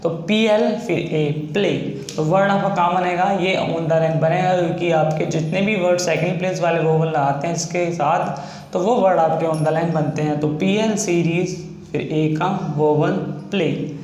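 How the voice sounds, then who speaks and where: A man teaching a shorthand lesson, slowly and patiently spelling out each sound step by step. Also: a little high, fairly even intonation, darkish tone. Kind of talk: classroom-style lesson. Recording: echoey room with faint ambient noise.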